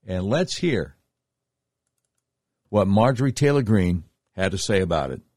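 A man with an American accent and a husky voice, hosting talk radio in a folksy, deliberate, emphatic way with dramatic pauses. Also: sits low, sing-song, a little mellow, no room sound, clean studio sound. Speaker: radio talk show host. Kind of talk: talk radio monologue with live-read sponsor spots.

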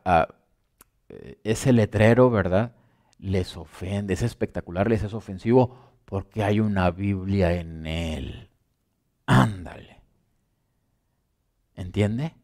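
Preacher, loud then hushed. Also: male voice, fairly low pitch. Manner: conversational, asks listeners for agreement; swings between loud emphasis and quiet asides. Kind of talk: sermon.

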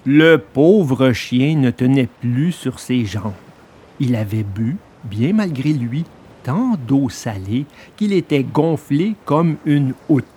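A man narrating a children's story in an expressive, dramatic storytelling manner. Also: medium pitch, takes it slowly, slight background noise.

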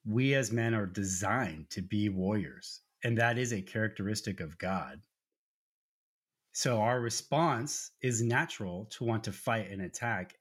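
A man in his forties telling a personal story in an earnest, conversational way, talking about his faith. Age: 40s. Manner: earnest storytelling, acts out quotes with raised pitch. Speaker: podcast co-host. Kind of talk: faith-based conversational talk.

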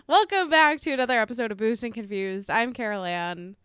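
A woman's voice: fairly high pitch, normal speed, a bit bright, clear, resonant tone, no room sound, studio quality. A woman co-hosting a casual podcast, chatty, laughing often and swearing freely. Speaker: podcast co-host.

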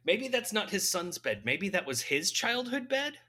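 A man's voice: sits high, sing-song, normal speed, pushed and bright. A man casually recapping a movie plot in a rambling, amused way, laughing often. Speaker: podcast co-host recapping a movie. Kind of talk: casual chat.

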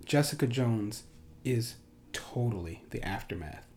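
Man, podcast host, casual chat, opinionated, enthusiastic, middle pitch. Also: lively intonation, a little slow, darkish tone, slight background noise.

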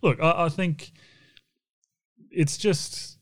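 A man in a casual sports discussion as an analyst, qualifying his opinions in a measured way. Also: a little high, no echo. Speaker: basketball show co-host and analyst.

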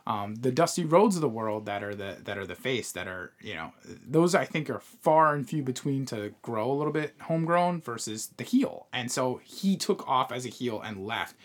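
A man in easy podcast chat, going on at length about a TV episode. His pitch rides up and down with real life as he makes his points. He swears casually and keeps circling back to his idea. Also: lively intonation, normal speed, hardly any pauses. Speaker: podcast co-host.

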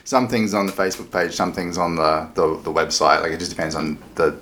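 A deep-voiced Australian man talking on a casual podcast. He speaks hesitantly, with plenty of pauses and fillers. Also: fairly even intonation, fairly bright tone. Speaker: podcast co-host, teacher and blogger. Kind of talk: casual chat.

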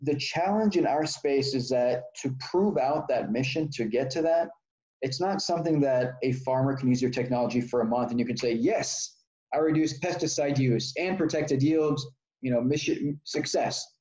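A man from Texas, a startup founder, walks through his story in a loose, conversational way, full of fillers and restarts. The recording sounds dull and lo-fi, as if the high end has been shaved off. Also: moderate pace, a little mellow. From Texas, United States. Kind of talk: conversational interview answers.

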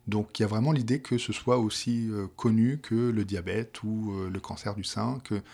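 In a fairly low, warm, husky voice with vocal fry, a middle-aged Frenchman speaks at a moderate pace with fairly even intonation. His Parisian accent comes through as he explains, hesitantly and with many restarts, his job as project manager for a provincial health plan.

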